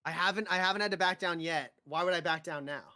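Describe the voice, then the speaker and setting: Fast, pushed and bright, a fairly low female voice groans and complains through a hot sauce challenge she's hosting on a live stream. The spice has her mouth burning and eyes watering as she chats casually.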